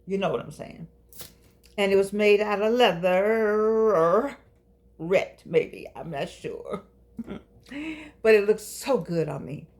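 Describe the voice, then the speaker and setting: An older woman hosting her own show takes it slowly, pausing often, in a mid-range voice with a darkish tone. Her casual monologue is playful, preachy and coaxing, with drawn-out phrases for effect. She's recording in a home studio with a keyboard.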